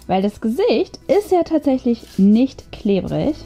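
With music in the background and a little noise, this woman's fairly high, warm voice comes across as very animated though slightly slow. She's a craft video host chatting casually and musing aloud through her tutorial.

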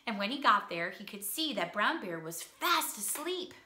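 A woman teaching a preschool music class, telling an animated, expressive story to small children. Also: medium pitch, moderate pace, echoey room.

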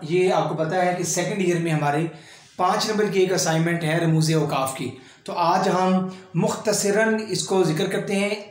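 A man teaching an online exam-prep lesson, patiently explaining step by step and fondly calling students "son". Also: high-pitched. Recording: heavy room echo.

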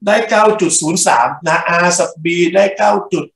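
A man's voice: sits high, fairly even intonation, normal speed, vocal fry, a bit bright, slight background noise. A male engineering lecturer working through problems in class, speaking in short bursts and checking in with his students. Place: lecture room. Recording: echoey classroom.

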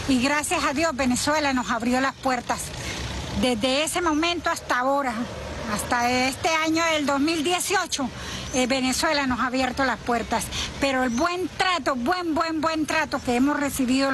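Older woman, high voice, plain repetitive speech, outdoor noise. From Colombia. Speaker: interviewee. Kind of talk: street interview. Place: outdoors on a city hillside.

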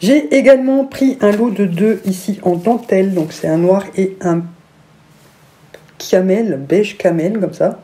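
A woman's voice: medium pitch, measured pace, dark tone. A woman vlogger chatting casually through a haul review, gushing with enthusiasm over each item.

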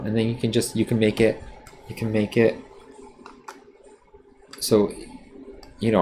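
A man with a low, gravelly voice talks through a drawing demonstration on a live stream, blunt and rambling with plenty of fillers. His tone is dark and mellow. A faint hiss sits under the recording. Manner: self-aware about sounding defensive. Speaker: art teacher. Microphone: streaming setup while drawing.

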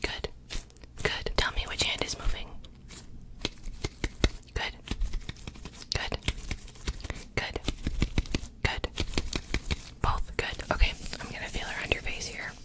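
A young woman in her twenties doing a fast ASMR whispered role-play as a brisk medical examiner, giving clipped, repetitive instructions close to the mic. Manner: fast, brisk, clipped ASMR delivery with repeated short words. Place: small indoor room with gaming chair. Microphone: desk microphone close in front of her.

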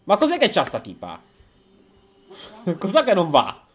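Animated sarcastic man hosting reactions. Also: high voice, a little slow. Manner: sarcastic, jokey, swears freely. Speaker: YouTube reaction host. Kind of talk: reaction commentary.

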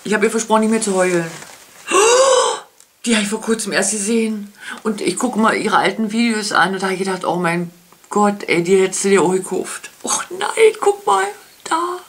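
A woman chatting casually as she unboxes makeup, gushing with many soft whispered asides. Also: mid-range voice, expressive, brisk. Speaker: beauty vlogger.

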